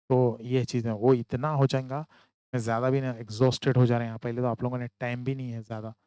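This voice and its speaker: Man, tired, English test tutor, casual lesson, middle pitch, dry recording. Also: darkish tone, clear, resonant tone, dry recording. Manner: slows right down to read example sentences word by word.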